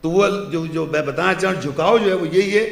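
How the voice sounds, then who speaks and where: A man with a high, gravelly voice delivers a religious lecture, firing rhetorical questions at his listeners. He chants verses before explaining them in plain, forceful speech. The sound rings in an echoey room. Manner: emphatic, poses rhetorical questions to the audience. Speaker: Islamic lecturer.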